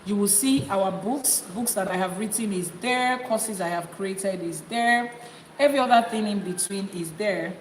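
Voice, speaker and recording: At a medium pitch and normal speed, a woman teaches live-stream viewers as an Ifá priestess. She prompts them again and again with questions and bursts into rhythmic invocations, chanting long rising litanies. The room reverberates with echo, and background noise is audible.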